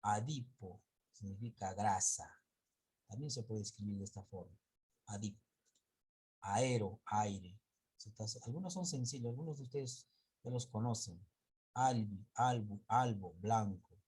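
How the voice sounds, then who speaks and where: A man teaching an online class, lecturing slowly and haltingly, often stopping to correct himself. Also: fairly low pitch, darkish tone, husky.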